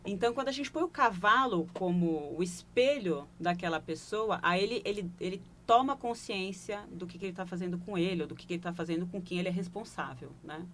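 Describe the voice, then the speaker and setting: A Brazilian woman with a somewhat low voice speaks in a reflective, explanatory way. She ends many phrases with short questioning asides, the way a consultant talks through her methods in a studio interview. A faint hiss sits under her voice. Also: a little fast, few pauses, a bit bright. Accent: Brazilian Portuguese. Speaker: corporate leadership consultant. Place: broadcast studio.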